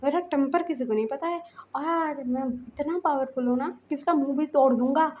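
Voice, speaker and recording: A woman voicing a hot-tempered young male college student who scolds and shouts angrily. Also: high voice, normal speed, lo-fi sound, slight background noise, voice pushed up, lightly acted. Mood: angry scolding.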